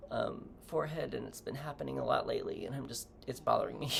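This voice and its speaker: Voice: medium pitch, animated, quick pace, gravelly. A tarot reader giving a casual reading to camera, loose and rambling, often correcting themself while advising the viewer directly. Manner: gently advising, speaking straight to the viewer.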